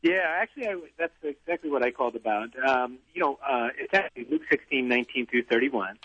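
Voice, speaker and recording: Husky, forceful radio show caller on a phone line. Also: male voice, medium pitch. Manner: eager, agreeable, quick to affirm. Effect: radio show caller heard over a phone line. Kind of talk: casual call-in chat.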